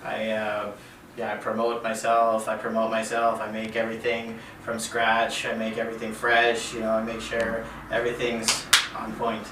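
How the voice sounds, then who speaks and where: Low flat-voiced man, roomy and distant. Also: moderate pace. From Canada. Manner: relaxed, repeats himself, many fillers. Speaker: chef and caterer; interview guest. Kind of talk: casual interview. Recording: roomy, distant from mic, faint noise.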